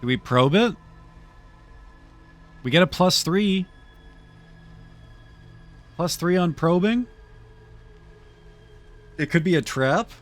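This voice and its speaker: Male game streamer, casual and playfully theatrical, slow delivery, soft music in the background. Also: sits high, animated. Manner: playful, theatrical deliberation addressed to chat. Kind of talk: casual live gameplay commentary.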